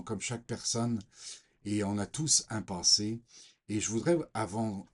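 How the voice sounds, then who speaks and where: A man from Portugal giving a hesitant personal faith testimony with scripture reading, pausing often with fillers. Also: lowish voice, darkish tone, slightly rough. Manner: slow, hesitant, many fillers.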